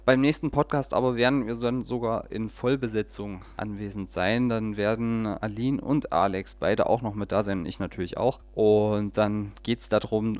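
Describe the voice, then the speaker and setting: A man's voice: fairly low pitch, dry recording. A man hosting a podcast who talks casually with fillers, then reads a story aloud. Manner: relaxed, with fillers. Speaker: podcast host.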